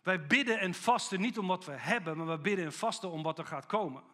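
A man preaching a sermon with animated storytelling, acting out the people he quotes. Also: high voice, fast talker.

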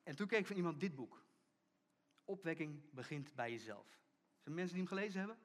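Middle-aged male pastor, slightly high voice, storytelling sermon with hushed emphasis. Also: lively intonation, brisk. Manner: storytelling preacher, acts out quoted voices, drops to hushed emphasis.

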